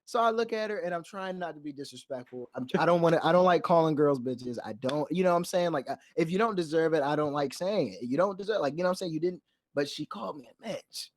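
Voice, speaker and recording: A man's voice: a little high, quick pace, no room sound. A young man co-hosting a podcast, telling a story casually and acting out voices and sound effects. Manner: animated storyteller who acts out quotes and sound effects. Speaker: podcast co-host.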